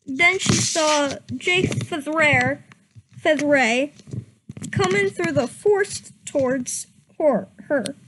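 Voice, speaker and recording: Against a noisy background, a high-pitched woman takes her time reading a fan fiction story with comic drama. She keeps giggling and lapsing into helpless laughter, stumbling over misspelled words that she reads out literally.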